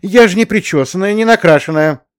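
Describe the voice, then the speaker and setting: A man voicing a flustered, fussing woman in an audiobook, in a much higher voice than his own. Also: a little fast, clean tone, no room sound, clean studio sound, natural voice.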